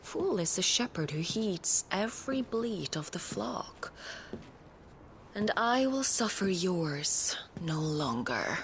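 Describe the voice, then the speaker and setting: A woman's voice: mid-range voice, expressive, unhurried, gravelly, few pauses, fairly bright tone, a little hiss or hum. A woman playing a haughty, seductive video game villainess, imperious and cruelly taunting, with theatrical archaic phrasing. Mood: imperious contempt.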